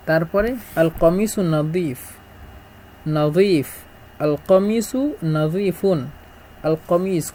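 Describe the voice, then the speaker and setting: A middle-aged man from Bangladesh, teaching a language lesson and repeating words slowly as he drills them. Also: high-pitched, a little hiss or hum, low-quality recording.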